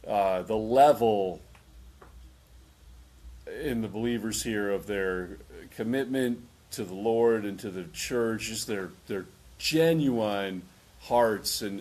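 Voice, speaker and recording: Low-voiced measured pastor from New York. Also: male voice, darkish tone. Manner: earnest, measured, with hesitant fillers. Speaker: visiting pastor. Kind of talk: casual interview talk.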